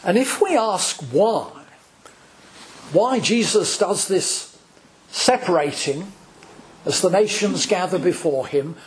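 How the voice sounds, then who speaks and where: A male priest preaching a sermon, slow and deliberate, with dramatic pauses between phrases. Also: sits high, expressive, a little hiss or hum.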